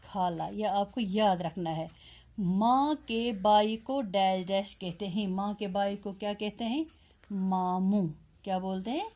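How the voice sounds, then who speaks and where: A woman schoolteacher giving a recorded lesson to young children, speaking slowly and repeating each question and its answer. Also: medium pitch, a little mellow. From Kashmir. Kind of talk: recorded Urdu lesson for fourth graders.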